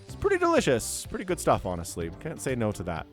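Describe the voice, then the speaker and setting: A StarCraft caster and show host, his medium-pitched voice congested from a cold, delivers casual commentary on a strategy game match at a fast clip. Soft music plays behind him as he chats, tosses in joking asides, and gets excited during fights.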